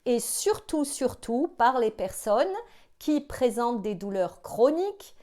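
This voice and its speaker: A woman's voice: fairly high pitch, lively intonation, slow, mellow. Hesitant woman explaining to camera. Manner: hesitant, many filler sounds and restarts. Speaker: psychologist and video host. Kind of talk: casual explanatory talk to camera.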